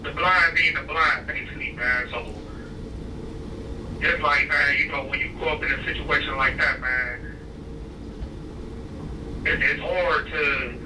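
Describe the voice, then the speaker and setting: A man's voice: a little high, steady tone, measured pace, long pauses. A man from Ohio, calling in from prison on a phone line, talking in a slangy, laid-back way with lots of fillers. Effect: heard over a prison phone line. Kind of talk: casual interview. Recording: distant echoey phone call with clear noise.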